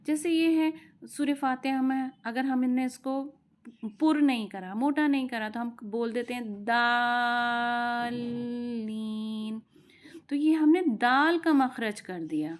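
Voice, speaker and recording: A woman gives a spoken recitation lesson in a fairly high voice. She explains patiently and repeats herself step by step. She draws out each demonstration sound slowly. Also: a little mellow. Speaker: Quran recitation teacher.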